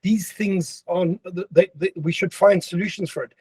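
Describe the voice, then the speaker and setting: A man's voice: sits high, moderate pace, a little mellow, husky. A man, a company founder giving an earnest interview statement and repeating phrases for emphasis. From Zambia.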